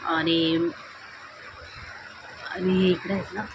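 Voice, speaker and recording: A young woman chatting casually for her home vlog, teasing and calling out loudly to her husband. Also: on the low side, level tone, slow. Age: young adult. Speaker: vlogger. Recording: home recording with clear background noise.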